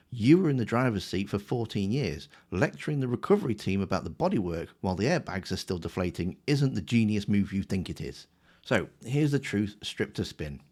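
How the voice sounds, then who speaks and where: A political commentator with a fairly low, darkish voice delivers a scripted rebuttal. He sounds smug and sarcastic, mocking the claims he picks apart.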